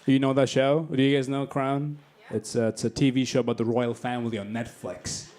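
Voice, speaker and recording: A man's voice: mid-range voice, flat delivery, fairly quick. Brash young man from Bangladesh doing stand-up. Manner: brash, crass, teasing banter with the crowd. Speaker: stand-up comedian. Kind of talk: stand-up set with crowd work. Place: comedy club stage. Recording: club set with roaring crowd laughter. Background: loud audience laughter.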